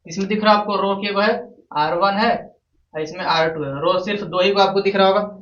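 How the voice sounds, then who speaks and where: With a high, fairly bright voice and fairly even intonation, a man teaches math at a board a little fast. Again and again he asks the class questions and answers them himself. The sound is distant, echoey, dull and lo-fi.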